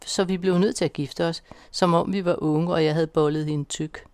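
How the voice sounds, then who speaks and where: A woman reading in the voice of a crude old man, coarse and jealous, bellowing from his bed in an audiobook. A gravelly, low voice with a close, dry sound. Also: steady tone, a little mellow, dry recording, lightly acted. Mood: boastful.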